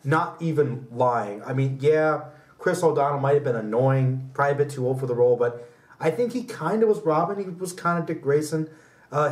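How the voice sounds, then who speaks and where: His mid-range voice is a little mellow as he co-hosts a casual pop culture podcast, chatting in a rambling, opinionated way. Echo fills the room, and the mic sits far from him.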